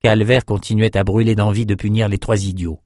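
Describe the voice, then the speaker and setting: A male narrator reading a dark fantasy novel aloud with measured storytelling. His voice sits somewhat low and comes across dry and close to the mic. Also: flat delivery, no echo. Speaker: audiobook narrator.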